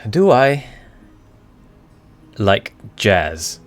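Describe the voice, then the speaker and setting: A man chatting casually on a live stream, answering questions in a halting way as he searches for the right words. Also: lowish voice, very animated. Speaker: streamer, VTuber. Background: background music.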